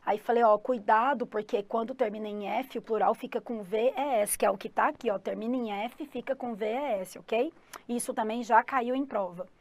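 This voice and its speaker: A woman's voice: on the high side, a little mellow, dry recording. A woman with a Brazilian Portuguese accent, an English teacher giving an upbeat exam-prep lesson who often checks in with her students and speaks of herself as the teacher. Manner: calls herself 'the teacher' in third person.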